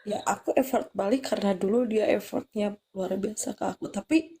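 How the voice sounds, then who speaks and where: A woman calling in to a live palm reading, speaking softly and hesitantly about her relationship. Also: mid-range voice, normal speed, slight background noise. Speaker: caller. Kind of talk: casual chat.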